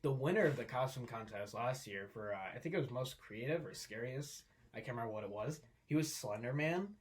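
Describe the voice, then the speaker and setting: A man's voice: medium pitch, animated, fairly quick. A young man co-hosting a podcast in casual chat, laid-back and often chuckling. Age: young adult. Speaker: podcast co-host.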